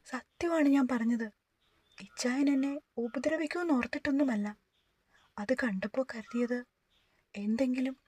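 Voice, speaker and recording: A woman reading the part of a timid young woman who pleads softly in a storybook reading. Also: high voice, normal speed, pauses often, slightly rough. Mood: pleading. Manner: soft, pleading.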